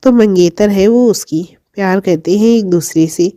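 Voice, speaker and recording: A calm young husband who speaks softly and patiently, sounding quietly amused, played by a woman storyteller. The voice is warm and mellow, recorded dry and close. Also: medium pitch, measured pace, no echo, natural voice.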